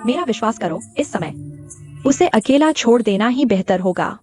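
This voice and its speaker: A woman's voice: a little high, animated, moderate pace, darkish tone, natural voice. A woman dubbing a stern senior colleague who leads a team, scolding and professional. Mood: composed. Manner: scolding, crisp. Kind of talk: Hindi dub of a TV drama. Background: music.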